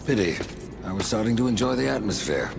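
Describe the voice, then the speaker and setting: An actor playing a sardonic, cold horseman of death with a dry, gravelly voice. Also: on the low side, big pitch swings, fast, music in the background. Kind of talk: game cutscene voice acting.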